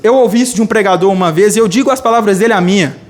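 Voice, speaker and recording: A man's voice: high-pitched, racing. A Brazilian man preaching an evangelical sermon, fervent and rousing, calling for responses from the congregation.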